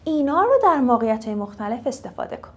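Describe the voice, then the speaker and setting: A young woman teaching English phrases in a casual lesson, repeating each phrase slowly for learners. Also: fairly high pitch, animated, a little mellow.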